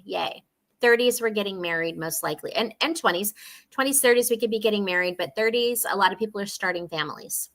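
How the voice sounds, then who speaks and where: A woman in her forties, a financial specialist speaking earnestly in a casual interview over a video call from home. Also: medium pitch. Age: 40s. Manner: earnest, laughs easily, warm chatty explanations. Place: home, dog barking nearby.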